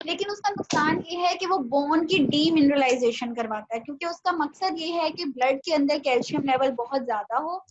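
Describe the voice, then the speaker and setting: A woman teaching a nutrition class online, explaining patiently step by step with small pauses. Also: sits high. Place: home video call. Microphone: laptop or phone mic on a video call. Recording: dull, lo-fi video call audio with faint noise.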